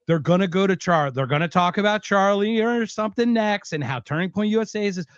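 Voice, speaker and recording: High-voiced man ranting angrily. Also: brisk, dry recording, highs cut off. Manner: angry, swearing, exasperated. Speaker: podcast co-host. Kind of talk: profane ranting commentary.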